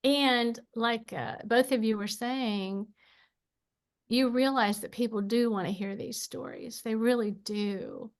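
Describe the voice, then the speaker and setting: A woman with an Appalachian twang moderating a literary panel, folksy and quick to laugh. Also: a little high.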